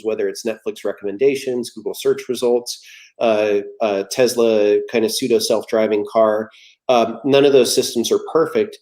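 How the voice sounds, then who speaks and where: A man's voice: medium pitch, a little mellow. A man in his forties, a guest in a casual conversation, explaining his ideas in an easygoing way with analogies and personal stories.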